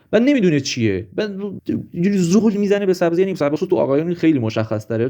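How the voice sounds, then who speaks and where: A man's voice: medium pitch, warm tone, dull audio. A man talking casually in a vlog, animatedly listing example after example. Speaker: vlogger. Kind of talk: casual monologue.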